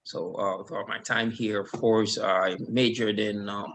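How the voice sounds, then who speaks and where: Guest, man, 30s, from Haiti, low gravelly voice, easygoing rambling talk on a video call. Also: unhurried. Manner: relaxed, rambling with fillers. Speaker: guest, alumnus. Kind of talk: casual webinar chat.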